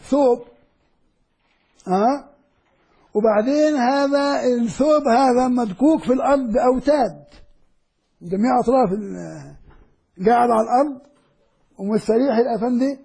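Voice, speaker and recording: An older man giving a classroom lecture, explaining slowly and repeating and drawing out key words. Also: very high-pitched, dark tone, slightly rough. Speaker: Quran lecturer.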